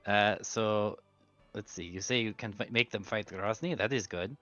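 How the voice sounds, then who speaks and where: A man plays a helpful, simple-hearted female adventurer at a tabletop game. The voice is low and informal, earnest and full of hesitations. It sounds dry and slightly dull, over music. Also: sharp tone, no room sound. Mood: earnest, hesitant. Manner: halting, plain-spoken, informal. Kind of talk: tabletop role-play.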